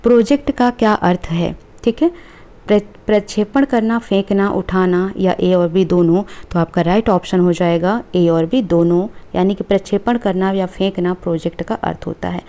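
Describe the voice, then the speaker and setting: A woman's voice: lowish voice, normal speed, dark tone. A woman teacher, going through exam questions and reading out each answer option, often checking in with the class. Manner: reads multiple-choice options aloud, checks in with "ठीक है". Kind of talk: exam question review lesson.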